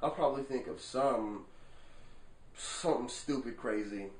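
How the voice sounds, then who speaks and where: A man talking to the camera in a casual vlog monologue, animated and rhetorical, swearing freely and checking in with the viewer. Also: medium pitch, a little slow. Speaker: vlogger. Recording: echoey room, far from the mic.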